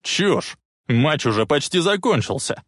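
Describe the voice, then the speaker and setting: A man voicing a brash young bully who talks in a loud, mocking way. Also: a little high, very animated, measured pace, dry recording, clean studio sound, pitched above the performer's own voice, heavily acted.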